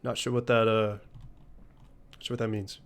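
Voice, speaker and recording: A young man streaming a game, joking around in casual commentary with sudden loud outbursts. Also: on the low side, flat delivery, moderate pace, creaky.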